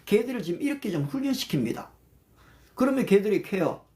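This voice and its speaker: An older man leads a livestreamed prayer meeting, his voice rising and falling in a lively, animated way. He slows right down to recite Bible verses in English and thanks viewers by name as he goes. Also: high voice. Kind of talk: livestreamed devotional talk.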